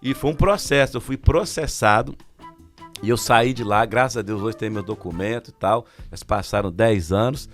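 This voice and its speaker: A man's voice: lowish voice, normal speed, faint music behind. A man with a Brazilian Portuguese accent, a pastor who is a podcast guest, telling a story vividly and acting out the people he quotes.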